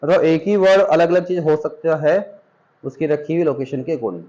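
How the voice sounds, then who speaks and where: A man's voice: a little high, normal speed, warm tone, muffled recording. A man teaching a classroom grammar lesson, patiently asking questions, repeating points and checking that his students follow. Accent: Hindi.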